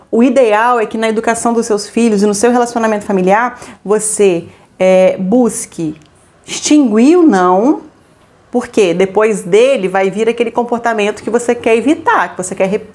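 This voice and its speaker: A woman co-hosting a family advice talk, lively, acting out examples of what parents say. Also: a little high, normal speed. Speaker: co-host giving family advice. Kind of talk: casual talk to viewers.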